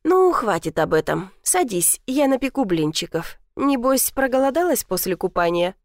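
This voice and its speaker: Audiobook: woman doing a folksy teasing old granny, high and lively, dry close recording. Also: normal speed, no room sound. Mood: sly, doting. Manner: folksy, sly, doting. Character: chatty teasing village grandmother, older woman.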